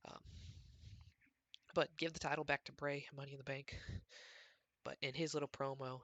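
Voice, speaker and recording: A man's voice: medium pitch, creaky, pushed and bright, dry recording, muffled recording. A man hosting his own sports show from home, recapping casually in a rambling, conversational way. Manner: rambling, conversational, filler-heavy.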